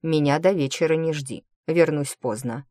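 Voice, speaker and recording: A woman's voice: low-pitched, normal speed, dark tone, no echo, studio quality, natural voice. A woman reading a curt demon lord. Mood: commanding. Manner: curt, clipped orders. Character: cold, commanding male demon lord. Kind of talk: audiobook character voice.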